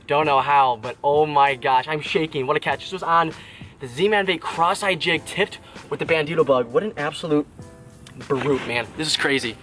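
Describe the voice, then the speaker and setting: An excitable young man with a somewhat high voice talks to his camera while fishing at a pond outdoors. He exclaims often and sounds hot and sweaty in the heat. Faint music plays underneath. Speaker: fishing vlogger. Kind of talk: casual vlog talk to camera. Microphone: action camera.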